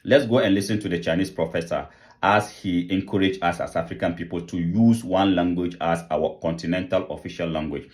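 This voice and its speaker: In his vlog commentary, a channel host appeals earnestly to his viewers, asking rhetorical question after rhetorical question. His voice is deep and a little mellow, steady in tone, and slightly fast.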